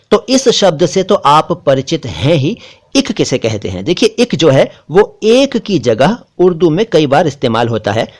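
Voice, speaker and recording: A man with a slightly raised voice teaches Urdu letters as a patient lesson. He drags out each short word slowly and deliberately, and he insists firmly on correct pronunciation. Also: on the high side, darkish tone. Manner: slow, deliberate spelling-out of letters and words; stresses correct pronunciation, a bit critical of others. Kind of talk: spoken script lesson.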